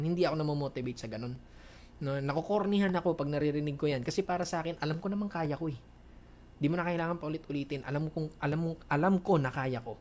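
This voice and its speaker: A man's voice: fairly high pitch, darkish tone. A man giving casual, chatty coaching advice to viewers in a Q&A, mixing in English phrases and laughing often. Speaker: networking coach hosting a Q&A.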